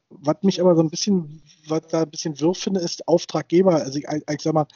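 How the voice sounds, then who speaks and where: A man's voice: on the high side, mellow, breathy edge, no room sound. A man in his thirties co-hosting a casual podcast, rambling with many fillers and restarts. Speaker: podcast co-host. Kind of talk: casual chat. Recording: dull dry sound.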